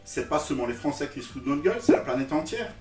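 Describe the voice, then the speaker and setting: A man with an Alsatian French accent, from Alsace, delivering a teasing comic monologue to his viewers. His voice sits at an ordinary pitch and sounds a little far from the microphone. The room is echoey, with faint music behind him. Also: sing-song, very fast. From Alsace, France. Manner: jokey, teasing, talks straight to viewers. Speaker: vlogger.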